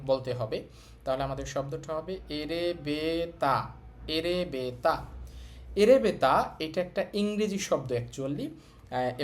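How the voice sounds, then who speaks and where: A Bangladeshi man with a Bengali accent teaching Japanese vocabulary, repeating each word slowly and drawing out its vowels. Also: a little high. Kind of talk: vocabulary lesson.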